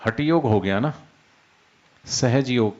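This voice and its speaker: Calm man giving a spiritual talk. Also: mid-range voice, highs cut off. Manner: unhurried, explains with everyday examples, demonstrates soft and loud speech. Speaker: spiritual teacher. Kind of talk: devotional discourse.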